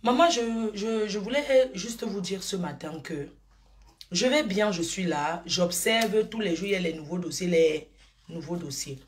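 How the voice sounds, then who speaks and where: A woman's voice: medium pitch, a little slow. Effusive grandmotherly woman live-streaming. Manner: effusive, calls viewers endearments, drifts between topics. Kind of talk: rambling live-stream chat.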